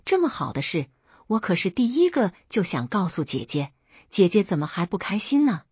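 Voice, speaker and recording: A woman's voice: medium pitch, big pitch swings, normal speed, a little mellow, slightly rough, no room sound. A woman putting on a smug, falsely sweet young rival. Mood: taunting sweet. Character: smug scheming young woman, the brother's pregnant fiancée. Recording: dull lo-fi audio.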